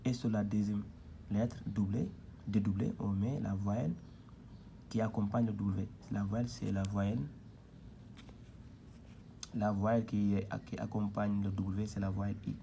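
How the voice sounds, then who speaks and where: A patient man teaches a reading lesson at a board, spelling out syllables one at a time. His voice is low with a gravelly edge. He takes a very slow, unhurried pace, with faint noise behind him. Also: flat delivery, mellow.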